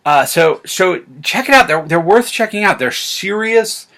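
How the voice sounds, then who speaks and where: An American vlogger reviewing science fiction rambles casually to camera, thrilled like a devoted fan. He speaks in a high-pitched, creaky voice at a slightly slow pace.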